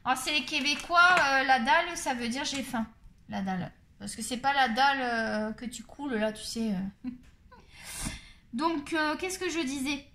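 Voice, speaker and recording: A woman's voice: sits high, a little slow, pushed and bright. A middle-aged woman hosting a coloring video, chatting casually and candidly as she colors, rambling with many fillers. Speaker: coloring channel host. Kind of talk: casual chat while coloring.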